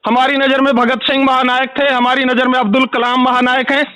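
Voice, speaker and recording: An angry man complaining loudly on a recorded phone call. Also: very high-pitched, little pitch movement, fairly quick, clean tone, no echo. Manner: furious, ranting, repetitive. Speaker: angry caller.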